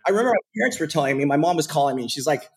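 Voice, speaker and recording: A thirtysomething man from Portland, Oregon, guests on a podcast and tells his career story casually and animatedly, with lots of fillers. He speaks in rapid-fire bursts at a fairly high pitch.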